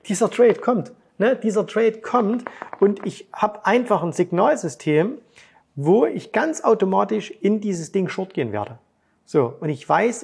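A man with a somewhat high, gravelly and husky voice, talking casually in a podcast monologue. He is eager and chatty, often ending a thought with a quick questioning tag and now and then throwing in a playful sound effect. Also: darkish tone. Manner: chatty, tags sentences with "ne?"; enthusiastic, with sound effects like "bumm" and "brrrt". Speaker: trading coach and podcast host.

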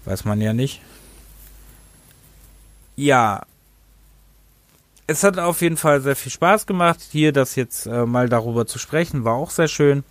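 A man's voice: mid-range voice, lively intonation, unhurried, pauses often, dry recording. A man hosting a casual game review podcast, rambling and often tripping over his words and correcting himself. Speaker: podcast host.

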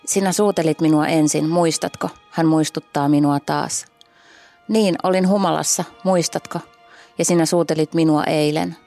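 A woman with a low voice and a gravelly, fry-tinged edge. She talks as a podcast guest, thinking out loud and searching for her words. She reads passages aloud and unpacks them in a relaxed, casual chat. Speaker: guest journalist.

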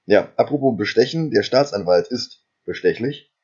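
Husky man dryly retelling a film plot. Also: fairly low pitch, animated, normal speed, a little mellow, highs cut off. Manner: retells the plot at length, dry asides. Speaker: podcast co-host recapping a film. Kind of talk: casual chat.

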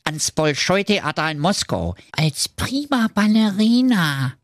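A man's voice: high-pitched, big pitch swings, slow pace, no room sound, studio quality, voice pushed up, full character voice. A man voicing a sulky, greedy pig in a comic audiobook. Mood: dreamy. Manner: sulky, whining. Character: sulky greedy pig wanting potato peels.

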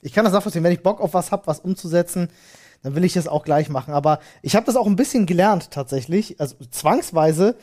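A man co-hosting a casual podcast chat, relaxed and agreeable. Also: high-pitched, fast talker. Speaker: podcast co-host.

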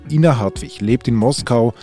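A man's voice: medium pitch, normal speed, dark tone. Male news host over music. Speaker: podcast host. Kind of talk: conversational news interviewing.

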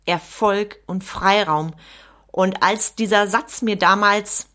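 A woman's voice: mid-range voice, fairly even intonation, slow pace, sharp tone. A woman business coach talking straight to the listener in a solo podcast, direct and emphatic.

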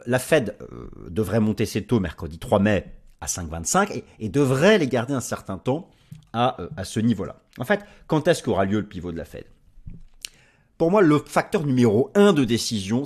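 A man giving market commentary over charts, lively and emphatic, with frequent restarts and asides. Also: fairly low pitch, husky. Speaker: market analyst presenting forex video.

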